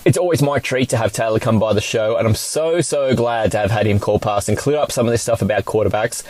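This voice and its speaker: A man's voice: fairly low pitch, brisk, darkish tone, dry recording. An Australian man hosting a casual sports podcast, chatting in an informal, matey way. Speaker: podcast host.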